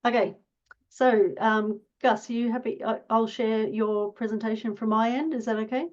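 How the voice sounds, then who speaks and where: A woman's voice: fairly high pitch, fairly even intonation, normal speed, a little mellow. A woman hosts a webinar, reads out audience questions and hands over to speakers, in a friendly manner. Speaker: webinar host. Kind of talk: moderating a webinar. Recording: dull lo-fi video call audio.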